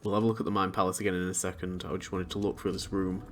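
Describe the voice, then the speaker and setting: A man's voice: low-pitched, little pitch movement, rapid-fire, a bit bright, slight background noise. A man giving informal let's play commentary, thinking aloud and swearing casually. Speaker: gamer, let's play host.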